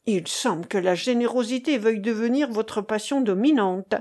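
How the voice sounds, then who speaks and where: A woman's voice: on the high side, normal speed, a little mellow, natural voice. A woman voicing a scheming, mocking old female servant, reading an audiobook in a scolding, teasing way.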